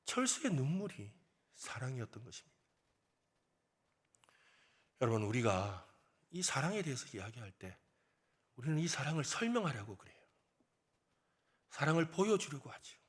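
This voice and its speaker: A man's voice: medium pitch, sing-song, moderate pace, pauses often, breathy edge. A male pastor preaching a sermon in a church, telling a story with animation and asking the congregation rhetorical questions. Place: church sanctuary.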